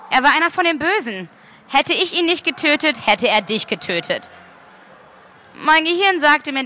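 Woman author doing a live reading at a book fair, bright lively voice. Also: fairly high pitch, a little hiss or hum. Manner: lively, expressive reading with laughs.

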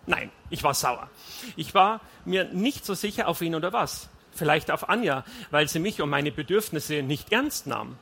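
A man's voice: on the high side, expressive, normal speed, creaky, sharp tone, a little hiss or hum. A man reading a first-person audiobook in a wry, confessional storytelling manner. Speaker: audiobook narrator.

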